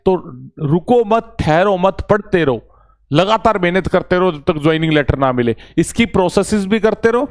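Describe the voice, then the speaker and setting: A man teaching as an exam coach, talking casually and reassuringly to students and calling them brother, with a touch. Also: high voice. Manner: familiar, reassuring, often says brother.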